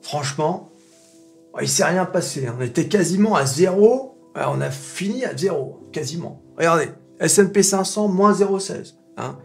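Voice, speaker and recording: A man with a somewhat high, gravelly voice runs through the day's market moves in a casual, joking commentary. He talks straight to his viewers and throws in mock-dramatic exclamations. Faint guitar music plays behind him. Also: animated, normal speed. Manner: talks familiarly to his audience. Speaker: stock market video host.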